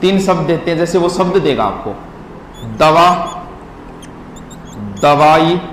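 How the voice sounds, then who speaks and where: Male teacher, high-pitched, lecturing and quizzing listeners; echoey hall, faint background noise. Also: animated, slow pace, a bit bright. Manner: drills words syllable by syllable, quizzes listeners. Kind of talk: classroom lecture.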